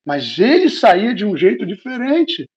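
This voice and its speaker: A middle-aged Brazilian man delivers a sermon, his voice pitched high for a man. He tells a deeply emotional personal story to his congregation. The recording sounds dull and lo-fi. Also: wildly swooping pitch, moderate pace, a little mellow. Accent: Brazilian Portuguese. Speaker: preacher. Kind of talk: sermon testimony.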